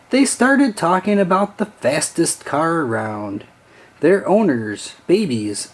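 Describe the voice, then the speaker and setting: A man with a slightly high voice reads a children's storybook aloud in an expressive, sing-song storytelling style.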